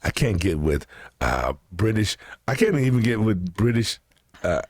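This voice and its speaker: A man's voice: on the low side, very animated, measured pace, husky. A middle-aged man, the host's father, chatting casually with many stammered restarts and laughter. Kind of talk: casual chat.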